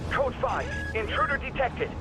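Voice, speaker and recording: A man's voice: very high voice, sing-song, moderate pace, over loud music. A man voicing a stern security system in a game, giving clipped, formal intruder alerts.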